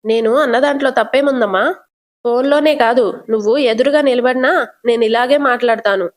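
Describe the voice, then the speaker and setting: A woman voicing a sharp-tongued older aunt who taunts and accuses in a scornful way. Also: fairly high pitch, a little fast, natural voice.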